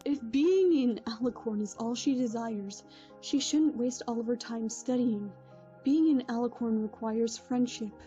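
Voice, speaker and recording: Princess Celestia, voiced by a woman, a calm, kind royal pony. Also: fairly high pitch, unhurried, muffled recording, soft background music, close to an everyday voice. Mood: advising.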